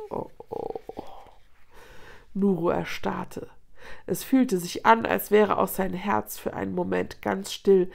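Slow gravelly woman reading a story. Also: mid-range voice. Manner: expressive, dramatic narration. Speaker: children's book reader.

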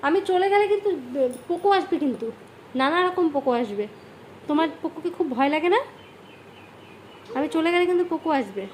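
High-voiced mother coaxing softly. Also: sing-song, fast talker, long pauses. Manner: pleading, coaxing in a high soft voice. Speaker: mother coaxing her child. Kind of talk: home vlog with child. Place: home bedroom.

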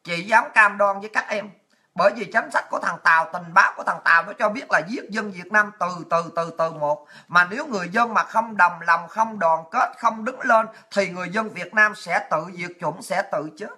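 A woman's voice: medium pitch, a little fast, bright, forceful tone. A woman delivering a blunt, crude, fiery political rant to her viewers, swearing freely. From Vietnam. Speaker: political commentator.

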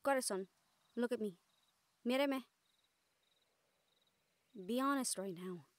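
Sighing and earnest, a woman plays a concerned siren-banshee in an audio roleplay, an exasperated yet caring partner and teammate who slips in Spanish terms of endearment. She speaks slowly in a slightly high voice, and the recording is dry.

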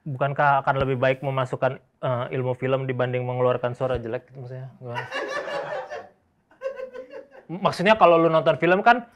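Fast-talking teasing male interviewer. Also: medium pitch, dull audio. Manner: teasing, interrupting, rapid-fire questions. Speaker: interviewer and host. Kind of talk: mock-serious comedic interview.

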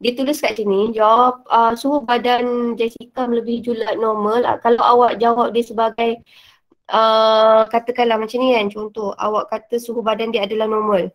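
A woman's voice: on the high side, little pitch movement, normal speed. A woman teacher with a Malaysian Malay accent, giving a casual revision lesson with many fillers and English words mixed in.

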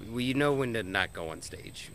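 A man's voice: fairly low pitch, lively intonation, normal speed, a bit bright. A man in his early thirties chatting casually and telling stories into a friend's phone. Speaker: comedian's friend. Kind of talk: casual chat, storytelling. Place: outdoors and in a car. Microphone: phone held by companion. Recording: noisy phone audio, car and outdoors.

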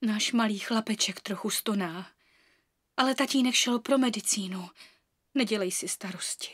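A woman voicing a hushed, worried mother. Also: mid-range voice, slightly rough, no room sound, clean studio sound, voice pushed down, close to an everyday voice. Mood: soft worried. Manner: hushed, half-whispered, tender. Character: gentle worried mother, soft-spoken. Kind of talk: audiobook character voice.

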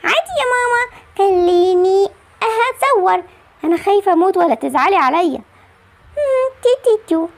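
A woman's voice: very high-pitched, animated, moderate pace, vocal fry, full character voice. A woman with an Egyptian Arabic accent voicing a whiny, self-absorbed teenage daughter in a game story video.

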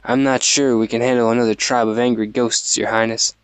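A man reading as a gruff sarcastic fighter. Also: mid-range voice, level tone, fairly quick, dry recording, lightly acted. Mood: wry.

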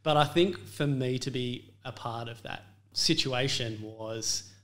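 A man's voice: mid-range voice, unhurried, a bit bright. A man, a chef talking about his career in an earnest, reflective interview manner. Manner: earnest, reflective storytelling with frequent fillers. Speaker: chef and restaurant owner, guest. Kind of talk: casual interview conversation.

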